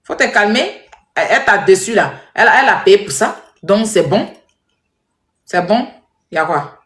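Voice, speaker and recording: A woman giving animated, scolding commentary straight to her viewers. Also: mid-range voice, normal speed. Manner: animated, scolding, repetitive, addresses viewers directly. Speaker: social media commentator. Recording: echoey room.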